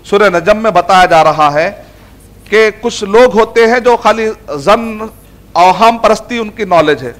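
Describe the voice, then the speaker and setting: A man teaching a religious lesson in an explanatory way. His voice sits fairly high for a man. He slips English words and recited Arabic verses into his explanations. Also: a bit bright. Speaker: Islamic scholar teaching Quran. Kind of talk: religious lecture.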